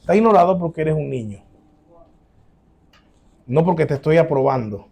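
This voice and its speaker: A man preaching as a pastor, emphatic, acting out quoted voices with sudden loud rises, then closing in prayer. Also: a little high, expressive, normal speed, gravelly, husky. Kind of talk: sermon.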